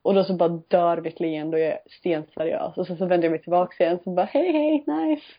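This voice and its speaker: A woman's voice: fairly low pitch, level tone. A young woman chatting casually on a podcast, blunt and wry in her remarks. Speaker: podcast co-host. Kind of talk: casual chat. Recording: dull lo-fi old recording.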